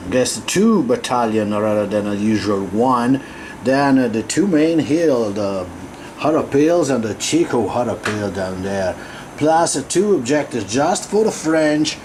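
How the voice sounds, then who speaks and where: Slow, halting man, non-native English speaker. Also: medium pitch. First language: not English. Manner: halting, hesitant delivery with frequent pauses. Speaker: host of a wargaming channel. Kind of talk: unscripted battle report narration. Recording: clear steady background room noise.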